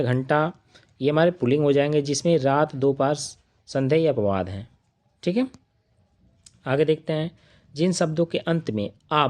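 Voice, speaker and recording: A man teaching an online grammar lesson, listing examples one by one and asking questions that he answers himself in a lower voice. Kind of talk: live online grammar class.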